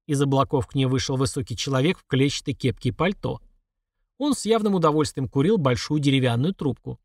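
A man narrating a darkly comic story in an expressive, mock-dramatic way. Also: medium pitch, a little fast, no room sound, clean studio sound.

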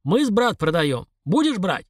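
A man voicing a stocky, brash onion seller with a Caucasian accent, a husky baritone and broken grammar. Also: big pitch swings, normal speed, no echo, studio quality. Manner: broken Russian, brash and loud.

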